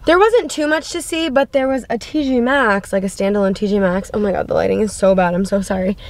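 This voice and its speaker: Speaking fairly quickly at medium pitch with no room sound, this young home decor vlogger from Florida gushes about what she's found. She films in shops and then in a parked car, chatting bubbly and filler-heavy about shopping into a handheld camera.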